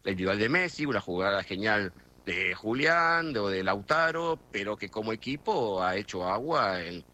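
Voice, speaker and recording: On a radio phone interview, a middle-aged guest correspondent from near Buenos Aires speaks with a Buenos Aires-area Argentine accent in a lowish, bright voice. His tone is forceful, his intonation lively and his pace moderate, and he is talkative, with many hesitations and restarts.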